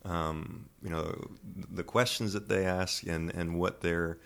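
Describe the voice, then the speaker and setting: A young father talking in a casual panel chat, thoughtful and halting, with many fillers. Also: sits low, steady tone, gravelly, a bit bright. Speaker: parent guest on a panel.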